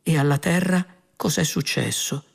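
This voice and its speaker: A man voicing Arthur, a bewildered and anxious ordinary man, halting and slow, in an audiobook. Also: on the high side, vocal fry, husky. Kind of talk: audiobook character voice.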